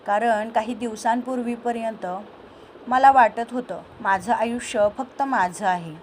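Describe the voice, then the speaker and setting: A woman's voice: a little high, measured pace, slight background noise, natural voice. Woman reading a shy young woman in love. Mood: soft. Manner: soft, hesitant, quiet.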